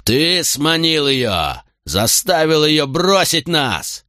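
A drunk Roman centurion from an audiobook, slurring slowly through tears and flaring into rage, played by a male narrator. The delivery drags, and the sound is close and dry. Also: medium pitch, very animated, no room sound. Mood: raging. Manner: slurred, slow and tearful. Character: drunk weepy Roman centurion, hot-tempered.

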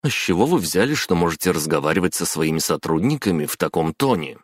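A man's voice: sits low, sing-song, fast talker, slightly rough, dry recording, clean studio sound, exaggerated voice. A man reading a story, voicing a defiant young female office worker who talks sharply and venomously with a raised voice. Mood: indignant.

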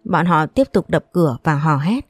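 A woman narrating a family drama in a steady, expressive storytelling reading. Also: low-pitched, moderate pace, breathy edge, no echo, studio quality, faint music behind.

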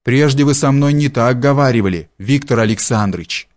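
A man voicing a timid, devoted young peasant girl who pleads softly in an audiobook story. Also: mid-range voice, normal speed, close to an everyday voice. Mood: pleading.

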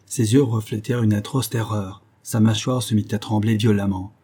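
A man narrating an audiobook in a steady, measured reading. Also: on the low side, husky.

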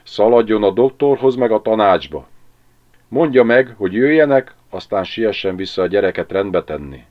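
A man's voice: on the low side, expressive, dull audio, natural voice. A man reading an urgent, flustered village man. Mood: commanding. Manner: urgent, raised voice. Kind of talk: audiobook reading.

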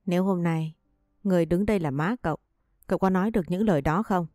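A woman's voice: fairly low pitch, fast, darkish tone, dry recording, studio quality, close to an everyday voice. A woman voicing a furious, bitter grieving wife. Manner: bitter, biting out each word.

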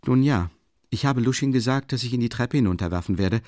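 A man voicing a feverish, irritable young man in an audiobook, speaking in a halting, strained way. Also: medium pitch, a little mellow, dry recording, clean studio sound, pitched above the performer's own voice, close to an everyday voice. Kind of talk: audiobook reading.

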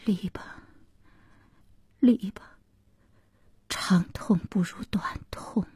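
A woman reading the part of a heartbroken young woman who is ending her marriage, speaking softly and with resignation. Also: medium pitch, steady tone, unhurried, breathy edge, no echo, studio quality, pitched above the performer's own voice. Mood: sad, resigned. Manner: soft, hushed and resigned.

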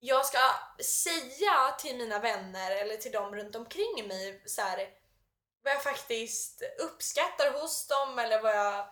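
A woman's voice: on the high side, animated, a bit bright. A woman co-hosting a podcast in casual chat, candid and self-deprecating, laughing easily. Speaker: podcast co-host. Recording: roomy echo.

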